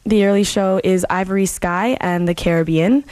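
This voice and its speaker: A woman hosting a radio show casually, in an informal way with frequent hesitant pauses. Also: medium pitch, fairly even intonation, darkish tone, dry recording. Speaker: radio host filling in on a music show. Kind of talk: casual radio show presenting and event listings.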